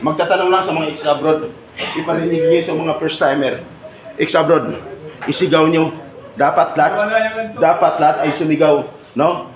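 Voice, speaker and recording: Male seminar trainer, teasing banter, slightly high voice, echoey training room, noisy background. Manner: teasing, banters with the audience, often asks "right?". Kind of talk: live seminar talk to trainees.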